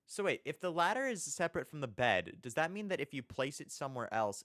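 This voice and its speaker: A man's voice: medium pitch, a bit bright, no room sound, clean studio sound. A young man casually commenting on a video, thinking aloud with lots of questions and chuckles. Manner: musing, questioning, chuckles often. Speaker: reaction video host.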